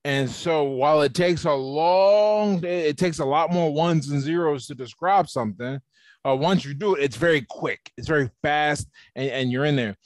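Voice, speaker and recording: A man's voice: a little high, moderate pace, dry recording. A man being interviewed on a podcast, explaining his ideas at length in a casual, conversational way over a video call. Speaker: podcast guest.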